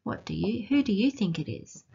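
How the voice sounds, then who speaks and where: A woman with an Australian accent reading a picture book aloud to children and asking them gentle, teacherly questions along the way. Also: mid-range voice, lively intonation, moderate pace, gravelly, slightly rough, lo-fi sound. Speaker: children's storytime reader.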